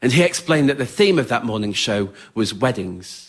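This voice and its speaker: On a theatre stage before an audience, a man performs his own solo show, telling an autobiographical story in an understated, wry, plain-spoken manner. His medium-pitched voice is husky and a bit bright, with big pitch swings at normal speed.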